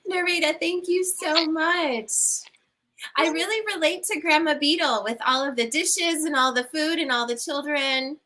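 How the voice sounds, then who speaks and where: A woman hosts a storytelling event and gives closing remarks. Her voice sits high and has a bright, forward sound. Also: steady tone, normal speed. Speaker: event host.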